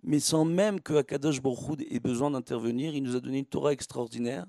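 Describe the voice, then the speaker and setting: A man's voice: mid-range voice, fairly quick, creaky, mellow, no room sound, studio quality. A man giving a religious lecture as a rabbi, teaching emphatically with repetition and rhetorical questions. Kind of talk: religious sermon with everyday analogies.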